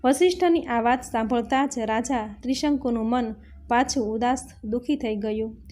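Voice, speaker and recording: Female storyteller for a religious reading, warm and somewhat high, steady measured delivery. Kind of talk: scripted devotional narration.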